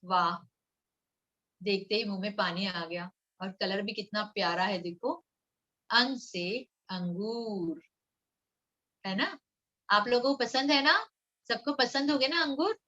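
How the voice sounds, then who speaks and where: A woman teaching Hindi to young children in a coaxing, sing-song way, sounding out syllables slowly. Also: medium pitch, bright, forceful tone, highs cut off. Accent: Mumbai Hindi. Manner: slow syllable-by-syllable reading for repetition. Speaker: primary school Hindi teacher. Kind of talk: online children's lesson with slides.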